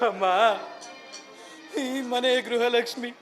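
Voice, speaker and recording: A man's voice: extremely high pitch, steady tone, takes it slowly. A man playing a grieving young brother in a village stage drama, declaiming with anguish and rage. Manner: declamatory, anguished, then rages. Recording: stage recording with loud backing music.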